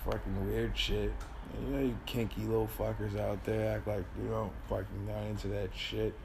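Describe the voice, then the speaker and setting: A man's voice: lowish voice, flat delivery, moderate pace. A man rambling through casual, sweary podcast banter in a loose, giggly way, tripping on mushrooms. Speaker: podcast host. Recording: clearly noisy background ambience.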